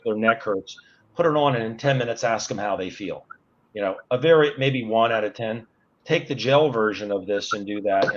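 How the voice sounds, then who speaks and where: A man's voice: mid-range voice, lo-fi sound. A man in his sixties, a guest on an online talk show, earnestly explaining things step by step. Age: 60s.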